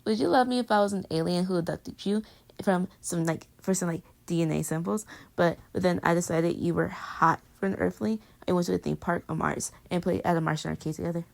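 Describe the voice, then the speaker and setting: In intimate pillow-talk roleplay audio, a woman plays an affectionate, teasing girlfriend who hides an insecurity, often dropping into breathy whispers. Her fairly low voice stays steady and a little fast, with a playful, teasing mood.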